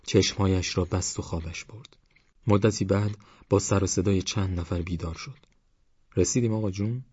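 Male audiobook narrator, calm and even. Low, husky voice, little pitch movement, dry and slightly dull recording. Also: dry recording. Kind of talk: scripted novel narration.

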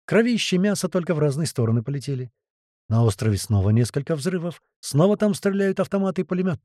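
A man narrating a first-person audiobook with vivid, lively storytelling. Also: a little high, fast talker, dry recording, studio quality.

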